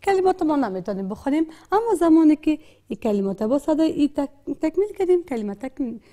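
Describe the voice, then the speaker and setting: Her voice is high-pitched, very animated, and warm in tone. She is a woman with an Afghan Dari accent giving a classroom literacy lesson, patiently repeating and spelling out words while hesitating frequently.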